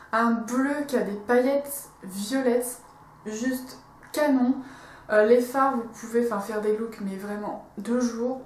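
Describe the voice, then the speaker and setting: A woman's voice: a little high, darkish tone, roomy sound, a little hiss or hum. Enthusiastic French beauty vlogger woman. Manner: enthusiastic, many fillers and restarts. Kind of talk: casual product review.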